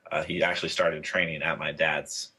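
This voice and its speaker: A young man from Hawaii telling his story as an interview guest. His voice is very low but bright and forceful, and he rambles along with plenty of ums and likes. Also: moderate pace, slightly rough. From Hawaii, United States. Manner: rambling, relaxed, many fillers. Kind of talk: casual interview.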